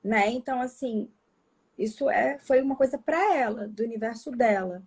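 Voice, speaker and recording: A woman's voice: a little high, moderate pace, a little mellow, husky. A woman psychologist with a Brazilian Portuguese accent, talking in a casual conversation, hesitant, with frequent restarts.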